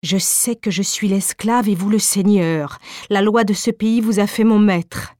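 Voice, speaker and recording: A woman reading the part of a proud young wife who answers coldly and calmly. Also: medium pitch, no room sound, studio quality, lightly acted. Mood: defiant. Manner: cold, measured, dignified. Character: proud defiant young wife, icily calm. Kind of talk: audiobook reading.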